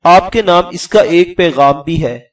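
A man's voice: sits high, natural voice. A man voicing a hesitant, grieving younger brother who speaks in a subdued way, with a distant sound and faint music behind.

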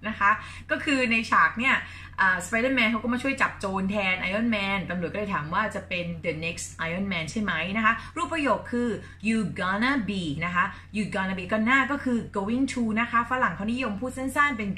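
Young female Thai English teacher, chatty and bright, faint hiss behind. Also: fairly high pitch, normal speed, few pauses. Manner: chatty, playful, mixes English phrases into Thai explanations. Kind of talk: casual Thai lesson explaining film lines.

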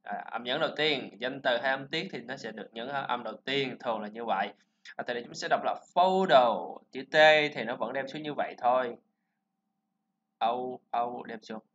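A man teaching a pronunciation lesson, explaining sounds and repeating words slowly for learners to copy. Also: mid-range voice, fairly bright tone, a little hiss or hum. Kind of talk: classroom-style pronunciation lesson. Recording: slightly dull lo-fi recording.

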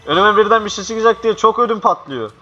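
Jumpy young man yelling at a horror game. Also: high-pitched, animated, fast talker, muffled recording, soft background music. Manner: jumpy, swearing, swings from panicked yelling to hushed muttering. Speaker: gaming youtuber. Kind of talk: horror game let's play commentary.

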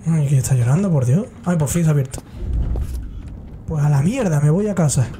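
A man's voice: a little high, expressive, brisk, mellow, slight background noise. A man streaming a horror game, swearing and reacting with jokey running commentary. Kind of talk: horror game let's play.

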